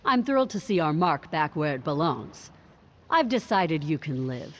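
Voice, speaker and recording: Wry, menacing female thief for a fantasy game; deep register, slightly dull audio. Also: very animated, moderate pace. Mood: wry approval. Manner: wry, sardonic. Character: cynical female thieves' guild questgiver, wry and menacing. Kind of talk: video game character acting.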